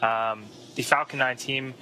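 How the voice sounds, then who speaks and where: A man giving live explanatory commentary on a launch broadcast, often pausing with uhs mid-sentence. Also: mid-range voice, fairly even intonation, sharp tone. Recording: faint background noise.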